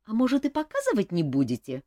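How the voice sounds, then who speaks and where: A woman's voice: on the high side, wildly swooping pitch, fast, warm tone, no room sound, studio quality, voice pushed up. A woman reading an audiobook, voicing a timid young girl with a plaintive, pleading way of talking. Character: young girl newly arrived in a magic kingdom, timid. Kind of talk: audiobook character voice.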